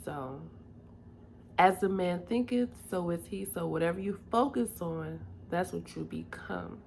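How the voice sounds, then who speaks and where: A woman speaks slowly in a lowish voice, confiding her thoughts to the camera in a casual video diary. She sounds weary and tearful, her words soft and unhurried. A faint hum of room noise sits behind her. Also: gravelly. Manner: slow, soft-spoken and confiding, drifting between calm and weary.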